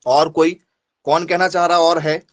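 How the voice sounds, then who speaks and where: A male teacher with a fairly high voice runs an online class, repeating each point and firing questions at his students. His voice is recorded dry and close, with no room echo. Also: level tone, measured pace. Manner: repetitive, quizzing students, asks for yes or no replies.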